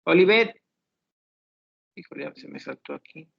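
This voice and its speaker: A man teaching an online class, thinking aloud as he reviews student questions in a measured, explanatory way. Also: fairly high pitch, animated, gravelly, breathy edge. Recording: dull lo-fi online class audio.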